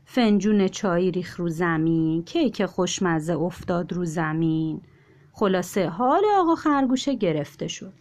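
A woman storyteller reading a children's story aloud with an expressive, rising and falling delivery. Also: fairly low pitch.

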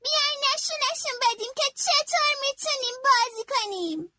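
A woman voicing a young boy turtle in a children's storybook, with a high childlike voice. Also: animated, sharp tone, slight background noise, exaggerated voice. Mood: eager. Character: young boy turtle, shy then eager.

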